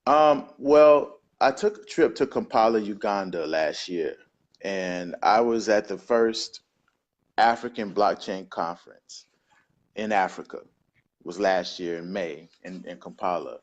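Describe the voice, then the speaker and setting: On a casual video-call interview, a Southern-accented guest from Georgia, USA, who distributes crypto devices tells his story in an easygoing, upbeat way. His fairly low voice moves a little slowly, and the audio has its highs cut off.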